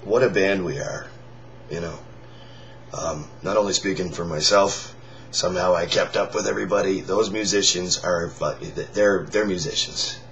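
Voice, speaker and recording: A tired man who has lost his voice, forcing out a raspy, whispery croak in halting, rambling casual chat to his viewers. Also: deep voice, fairly even intonation, fairly bright tone. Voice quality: raspy, breathy whisper-like hoarseness. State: lost voice, forcing air through a strained throat. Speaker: singer in a band, vlogger. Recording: dull lo-fi sound with faint noise.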